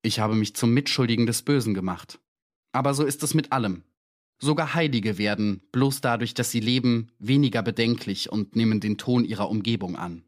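A man's voice: mid-range voice, fairly quick, lightly acted. A man voicing a tormented male murderer in his thirties who pleads and justifies himself passionately in an audiobook. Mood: impassioned. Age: 30s. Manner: impassioned, pleading, self-justifying.

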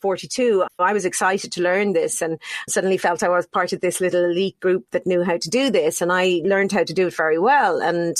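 A woman's voice: lowish voice, brisk, dry recording, studio quality. A middle-aged or older woman with an Irish accent, explaining things candidly through anecdotes in a reflective conversation. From Ireland.

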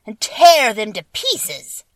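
A woman's voice: on the high side, big pitch swings, fairly bright tone, no room sound, far from the mic, pitched above the performer's own voice, exaggerated voice. The shrieking, commanding Wicked Witch of the West. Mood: menacing command. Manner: commanding, menacing, drawn-out orders. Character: wicked, fierce old witch commanding her minions.

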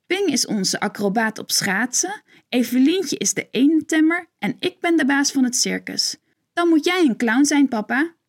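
A woman's voice: sits high, lively intonation, moderate pace, voice pushed up. A woman doing an eager little boy ringmaster.

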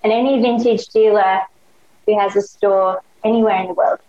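A young Australian woman with a mellow, mid-range voice speaks at a moderate pace with fairly even intonation. She's a podcast guest chatting eagerly and casually, using slang and lots of "like" fillers. The recording sounds dull and lo-fi.

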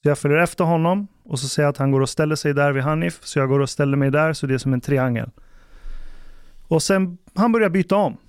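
A man's voice: on the high side, clean tone, no room sound, clean studio sound. A man hosting a podcast, telling a story in casual chat and acting out what people said. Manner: animated storyteller acting out quotes. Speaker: podcast host.

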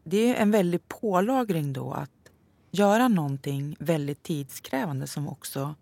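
Thoughtful woman co-host, lowish voice. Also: animated, gravelly, dark tone, no room sound. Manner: thoughtful, interjecting. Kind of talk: casual podcast conversation.

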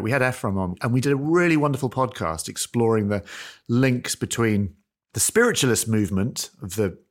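A man hosting a podcast in an upbeat, chatty way, playful and enthusiastic with dramatic emphasis. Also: fairly low pitch. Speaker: podcast host.

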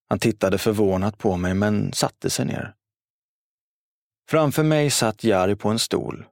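Gravelly, low-voiced male storyteller. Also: a little mellow, dry recording, clean studio sound. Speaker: narrator. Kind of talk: first-person story reading.

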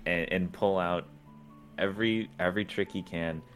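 Very deep-voiced man, emphatic player. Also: fairly even intonation, moderate pace, a bit bright, faint music behind. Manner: emphatic, swears freely. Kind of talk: in-character tabletop play.

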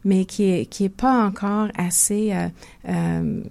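Her mid-range voice is gravelly and a little mellow, with fairly even intonation and a slow pace. She's an older physiotherapist with a Québécois French accent, thoughtfully answering interview questions and frequently starting her sentences over.

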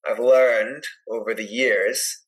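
A Scottish man from Edinburgh, a podcast guest chatting casually and telling a rambling, animated anecdote full of "like" and "you know". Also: on the low side, slow, poor audio. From Edinburgh, Scotland. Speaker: podcast guest, adventure climber. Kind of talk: casual storytelling in conversation.

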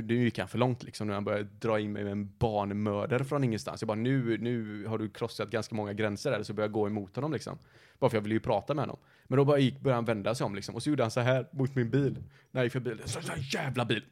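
A man's voice: lowish voice, a little mellow. A man in casual podcast chat, telling a story at length, rambling and often correcting himself mid-sentence. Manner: rambling, self-correcting, lots of fillers. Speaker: podcast host.

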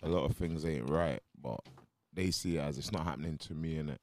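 A man's voice: very deep voice, a little fast, a little mellow. A man with a British urban roadman accent, telling things casually in street slang with repeated tags. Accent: British urban street (roadman) English.

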